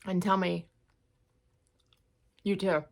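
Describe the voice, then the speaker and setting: Woman, middle-aged, lowish voice, noisy chewing, casual mukbang chat, crinkling wrappers. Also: steady tone, slow pace, creaky. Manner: chewing noisily while talking, mouth often full. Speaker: host of an eating video. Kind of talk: casual mukbang chat to camera, commenting on a news story.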